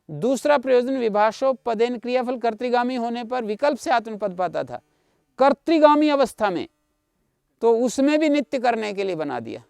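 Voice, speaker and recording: A man's voice: sits high, vocal fry, darkish tone, smooth, no echo, studio quality. A man teaching Sanskrit grammar in an online class, explaining rules patiently, repeating key points and checking that his listeners follow. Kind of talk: explanatory lecture.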